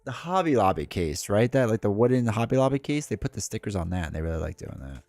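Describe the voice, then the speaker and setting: A man with a stuffed-up cold rambles casually while live-streaming a solo board game from home, chatty and full of asides and fillers. His fairly low, slightly mellow voice has vocal fry and big pitch swings, and he talks fast over soft background music in a dry, echo-free recording.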